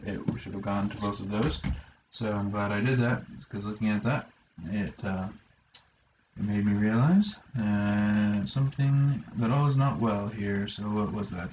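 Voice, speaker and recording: A math instructor with a lowish, slightly mellow voice teaches a college lesson, talking himself through each step with fillers and dry asides. The lecture audio is roomy, slightly dull lo-fi with faint hiss.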